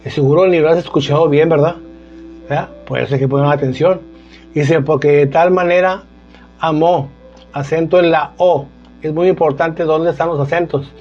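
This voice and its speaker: A man's voice: fairly high pitch, fairly even intonation, fairly quick. A man preaching an informal sermon, talking conversationally and often asking "¿verdad?". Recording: dull lo-fi sound with faint music.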